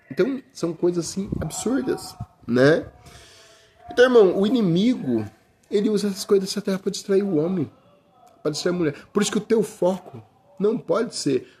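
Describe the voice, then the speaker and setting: This middle-aged Brazilian preacher, whose accent is Brazilian Portuguese, talks to listeners conversationally in an informal sermon, calling them "brother" again and again amid many restarts. His voice is high with a dark tone, over slight background noise.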